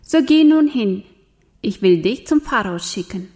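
God read by a woman, calm commanding storybook voice, slow and solemn. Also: mid-range voice, lightly acted.

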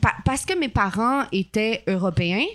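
A woman's voice: medium pitch, lively intonation, moderate pace. A young Canadian woman, a guest actress in a casual podcast conversation, talking at length with many hesitations and restarts. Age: 20s.

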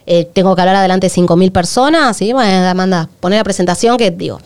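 A woman's voice: mid-range voice, quick pace, clean tone. A woman with a Rioplatense Spanish accent, co-hosting a podcast in candid, confessional chat. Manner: candid, confessional, animated storytelling. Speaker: podcast co-host.

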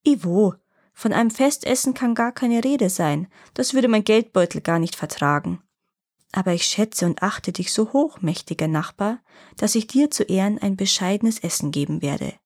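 A woman voicing a sly, poor old grandfather who flatters and feigns offense. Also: medium pitch, moderate pace. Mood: flattering. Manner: wheedling and flattering, then mock-offended.

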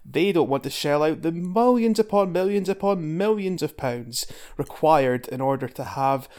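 A man's voice: a little high, animated, moderate pace, darkish tone. A young man on a comedy quiz podcast, swearing and laughing as he talks. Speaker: quiz contestant. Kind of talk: casual comedic podcast banter.

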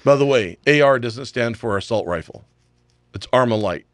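A man's voice: medium pitch, expressive, normal speed, no room sound. A man hosting a talk radio show, ranting emphatically and firing off rhetorical questions. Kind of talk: opinionated talk radio chat.

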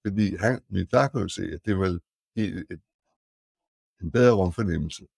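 Older man with a deep gravelly voice. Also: darkish tone, no echo. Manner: halting, searching for words. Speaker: guest architect. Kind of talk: anecdotal podcast storytelling.

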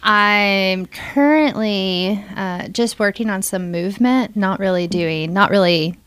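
A woman guest in a radio studio interview, talking in a relaxed, easygoing way about her movement work for a local play. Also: mid-range voice, slow pace, smooth, no room sound. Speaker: guest, dance and movement worker in local theater. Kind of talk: casual on-air interview.

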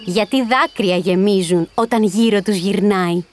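A woman narrating a rhyming children's story in an expressive, sing-song way. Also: medium pitch, faint music behind.

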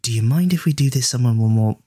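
A man playing a male adventurer who talks in a soothing, persuasive way to calm a quarrel. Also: medium pitch, fast, breathy edge, voice pushed down, natural voice. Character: smooth-talking male peacemaker adventurer.

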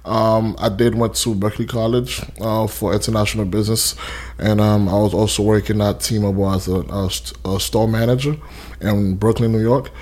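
A young man from Haiti tells his story in a relaxed interview. His voice sits fairly low, and he rambles with plenty of fillers and restarts. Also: normal speed. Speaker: interview guest, custom suit maker. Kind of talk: casual interview.

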